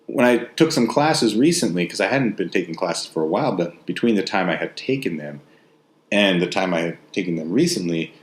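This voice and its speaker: Low-voiced man with West Texas twang. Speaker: novelist and host. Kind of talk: casual, rambling spoken monologue. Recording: roomy, echoey sound.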